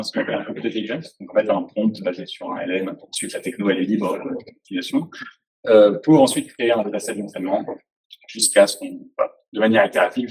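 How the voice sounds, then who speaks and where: A man's voice: fairly low pitch, slightly rough, poor audio. A man giving a casual technical presentation, hesitant, with many fillers and restarts. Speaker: presenter at a tech talk.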